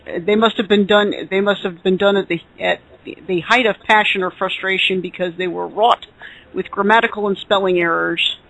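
A man co-hosting a casual podcast chat, giving measured, opinionated takes. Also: sits high, steady tone, gravelly, bright, forceful tone. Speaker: podcast co-host. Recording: muffled lo-fi audio.

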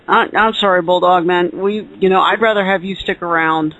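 A man co-hosting a casual podcast chat, giving measured, opinionated takes. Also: high voice, steady tone, pushed and bright. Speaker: podcast co-host. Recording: muffled lo-fi audio.

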